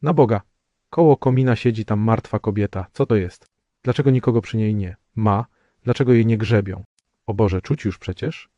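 A man's voice: on the low side, moderate pace, mellow, no echo, dull audio, lightly acted. A man doing a frightened young pilgrim. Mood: fearful. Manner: anxious, pleading.

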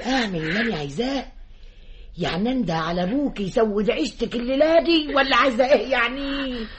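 An actress plays an Egyptian village mother in a radio play who scolds her daughter and fawns over guests, her voice somewhat high. Faint hiss lies under the old recording. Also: quick pace, close to an everyday voice. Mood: fussing. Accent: Egyptian Arabic.

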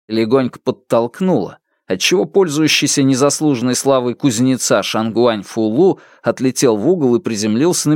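Expressive male audiobook narrator. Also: mid-range voice, dry recording, clean studio sound. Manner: expressive storytelling.

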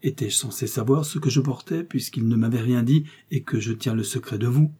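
A man's voice: mid-range voice, brisk, mellow, husky. A man voicing a grave, devoted young officer, speaking in a solemn, earnest way. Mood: solemn, resolute.

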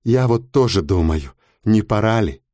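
A man's voice: fairly low pitch, expressive, a little slow, dark tone, no room sound, studio quality. A man voicing a gloomy, weary female Death who speaks in a glum, dragging way, in an audiobook.

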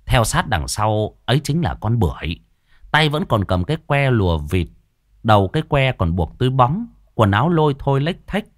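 Lively male storyteller. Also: medium pitch, normal speed, dry recording, clean studio sound. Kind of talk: storytelling narration.

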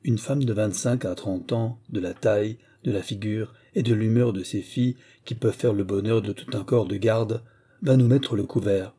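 Dark, husky male audiobook narrator. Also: lowish voice, normal speed.

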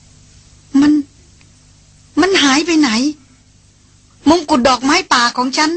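A woman reading the part of a dazed, evasive young woman in an audiobook, speaking softly and pleadingly. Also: sits high, slow pace, voice pushed up. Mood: bewildered.

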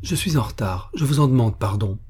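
A man voicing a shy, gentle young woman in a storybook reading. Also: medium pitch, lively intonation, fairly quick, breathy edge. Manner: soft, shy.

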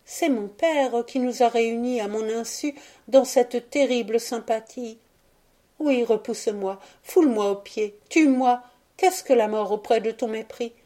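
Woman reading as a young grieving girl, tender, pleading, raised voice, soft mellow tone, audiobook. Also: a little high, unhurried, pitched above the performer's own voice, close to an everyday voice. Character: young woman, gentle, sorrowful, poisoned girl.

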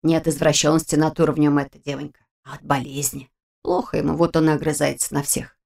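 A woman doing a hoarse old woman cook, low and hushed, folksy scolding, audiobook. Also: flat delivery, fast. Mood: worried scolding. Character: fussy elderly woman cook, caring and scolding.

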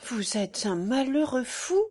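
An earnest young wife in an audiobook, read by a woman, fairly high-voiced and lively in melody. She pleads and defends herself with wounded sincerity. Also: slow pace. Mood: gentle.

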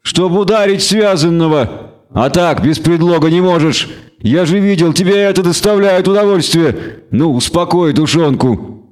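A man's voice: a little high, normal speed, darkish tone, pitched above the performer's own voice, close to an everyday voice. A man voicing a sarcastic captive witcher. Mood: sarcastic taunting. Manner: sarcastic, goading. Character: grim bound male witcher, sarcastic.

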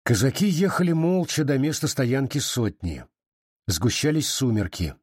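A man giving measured, expressive literary audiobook narration. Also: medium pitch, breathy edge, no room sound, studio quality.

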